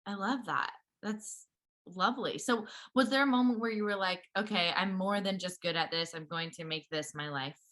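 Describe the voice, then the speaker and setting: Bright, effusive woman interviewer. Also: mid-range voice, moderate pace. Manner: effusive, encouraging. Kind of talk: casual interview.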